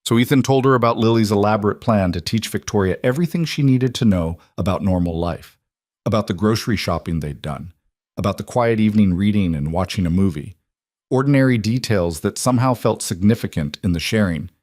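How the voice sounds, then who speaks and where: A man narrates a romance story in a measured, even manner. His voice sits on the low side. The recording is dry, with no room sound. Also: dry recording. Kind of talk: scripted narration.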